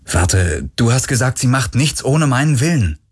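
A man's voice: sing-song, normal speed, slightly rough. A man voicing a grieving but determined young hero in a German audiobook, speaking earnestly and with feeling. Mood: agitated. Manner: earnest and emotional, rising pitch.

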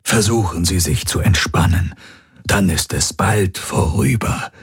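A man voicing a calm male medic who gives slow, measured instructions. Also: low-pitched, husky, no room sound, studio quality, full character voice. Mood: soothing.

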